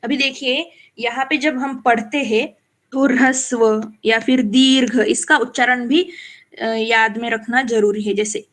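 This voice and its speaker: A fairly high-pitched woman with a steady tone leads a live Sanskrit recitation class. She explains with patience, makes sure students keep up, and chants example lines slowly.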